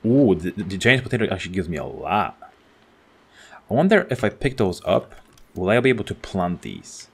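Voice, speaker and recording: A man with a notably low-pitched voice talks through a video game in a casual let's-play style. He is excitable and chatty, thinking out loud as he explores. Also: moderate pace, slightly rough. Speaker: gaming channel host.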